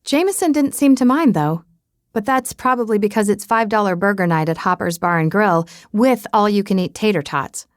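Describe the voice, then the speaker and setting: A woman's voice: mid-range voice, expressive, normal speed, dry recording, studio quality. A woman narrating a romance audiobook in first person, reading dialogue expressively.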